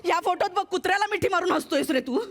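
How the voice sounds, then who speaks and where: A woman's voice: very high-pitched, fast talker, background noise. A woman playing an aggrieved wife in a stage comedy sketch, whining sarcastically and wailing to God. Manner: whiny, sarcastic, wails to God. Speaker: comic actress in a sketch.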